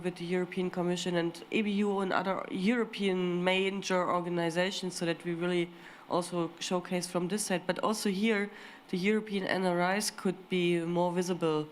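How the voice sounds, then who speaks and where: Lower-voiced woman moderating, with background noise. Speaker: meeting moderator. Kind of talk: informal moderating of a conference discussion.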